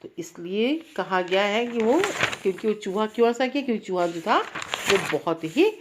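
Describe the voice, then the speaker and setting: A woman's voice: medium pitch, animated, normal speed, background noise. A woman telling a child a story in an informal, chatty way, speaking to the child directly as she goes. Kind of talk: bedtime story told aloud.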